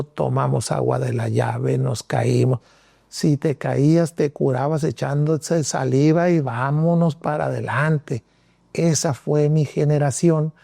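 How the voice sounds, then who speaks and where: A middle-aged man with a Mexican accent speaks in a fairly high, gravelly voice with a mellow, dark tone. He holds forth bluntly on his opinions, hammering points home by repeating them. The sound is close and dry. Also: dry recording. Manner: blunt, opinionated, emphatic repetition. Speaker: host. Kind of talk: opinion monologue.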